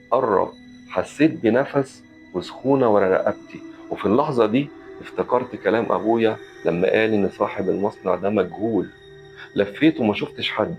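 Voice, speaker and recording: Man, Egyptian Arabic accent, horror storyteller, suspenseful short phrases, gravelly, faint music. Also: fairly low pitch. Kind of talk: first-person horror narration. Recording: dull lo-fi audio with faint music.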